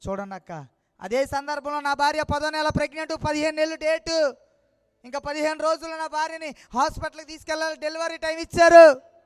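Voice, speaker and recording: A man preaching his life testimony, swinging between loud impassioned cries and hushed, low tones. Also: fairly even intonation, a little fast, no room sound, clean studio sound. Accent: Telugu. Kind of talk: emotional testimony sermon.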